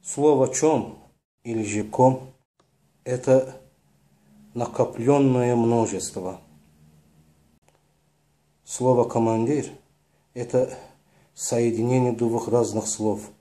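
A man slowly narrating a lesson on word sounds, spelling out each sound one by one in a measured, deliberate way. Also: mid-range voice, steady tone, dark tone. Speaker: lecturer on word origins. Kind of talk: slow explanatory narration.

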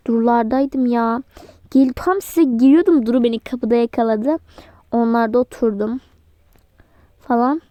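A woman's voice: fairly high pitch, warm tone, no room sound. A woman narrating a toy role-play, voicing several characters in playful dialogue. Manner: switches between character voices in playful dialogue.

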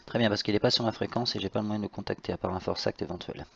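A man giving procedural radio instructions as a tower controller in a flight simulation, with halting phrasing. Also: on the low side, fairly even intonation, gravelly, slightly rough. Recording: slightly dull lo-fi voice-chat audio.

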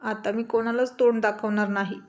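A hot-tempered young woman, shocked and scolding, her voice raised high and loud, played by a woman storyteller. She presses with sharp, indignant questions in a spoken storybook. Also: steady tone, normal speed, muffled recording, natural voice.

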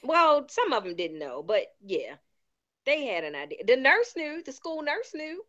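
A woman with a Baltimore accent, co-hosting a podcast in casual, animated chat. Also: high-pitched, unhurried, lo-fi sound. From Baltimore, USA. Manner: animated, exclaims and voices her own reactions. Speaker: podcast co-host.

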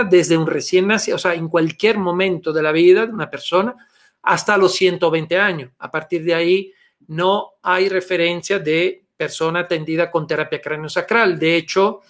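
This webinar lecture comes from a middle-aged Italian therapy instructor, a native Italian speaker, teaching in Spanish via webcam video call. He has a notably high, slightly bright voice. He's fond of "eh" to fill pauses and "¿ok?" to check in, explaining everything patiently and steadily.

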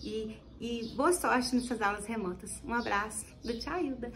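High-voiced, animated woman teacher. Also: moderate pace, slight background noise. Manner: animated, explanatory, often restarting phrases. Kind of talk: giving teaching tips on video.

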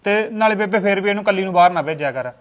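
A suspicious young husband in a village short film, played by a man. He talks fast and brushes people off, and the recording sounds dull and a bit distant. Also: sits high, natural voice.

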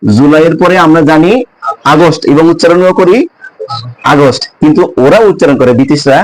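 In a poor-quality recording, a Bangladeshi teacher with a darkish tone and a voice slightly higher than the typical man's drills his students on pronouncing English month names. He keeps asking them questions and says every word slowly and more than once.

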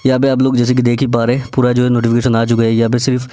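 A male Indian presenter from a job vacancy channel does the voice-over for an instructional screen recording. His mid-pitched voice is mellow but monotone, and he speaks quickly and repetitively, addressing the viewer directly.

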